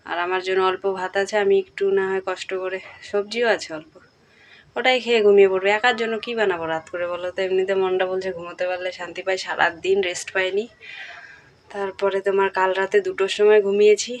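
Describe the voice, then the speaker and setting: A young woman vlogger chatting casually through a home voice-over, speaking softly and often checking in with her viewers. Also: medium pitch. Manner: speaks softly late at night. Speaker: daily-life vlogger.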